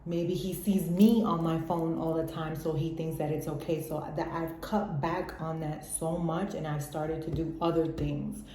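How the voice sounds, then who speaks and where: A woman's voice: low-pitched, steady tone, moderate pace, few pauses, warm tone, slight background noise. A woman speaking in a candid, slangy way, laughing often, giving casual motivational life advice as a mother. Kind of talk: casual motivational vlog talk. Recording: roomy echo.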